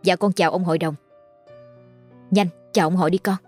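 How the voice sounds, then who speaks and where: A poor peasant mother in her forties who begs humbly and hurries her words, as a woman narrator plays her. She speaks, a little brisker than the narration, with faint music behind. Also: lowish voice, fairly even intonation, a little mellow, natural voice. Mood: pleading.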